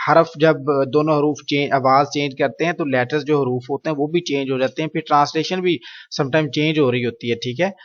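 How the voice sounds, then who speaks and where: Guy teaching quran letters, says each sound slow then explains, kinda muffled audio. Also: on the high side, steady tone. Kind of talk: teaching Arabic letter pronunciation.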